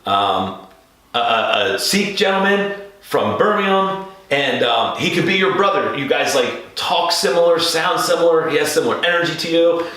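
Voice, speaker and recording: A man's voice: on the high side, expressive, normal speed, bright, forceful tone. A man hosting an interview podcast, chatting casually and rambling with many fillers and restarts. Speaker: podcast host. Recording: very echoey room.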